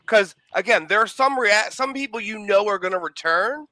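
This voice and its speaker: Guy rambling like a big fan in a voice chat, bright kinda high voice, dry. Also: lively intonation, normal speed, no room sound. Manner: rambling, emphatic fan talk. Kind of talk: casual group chat.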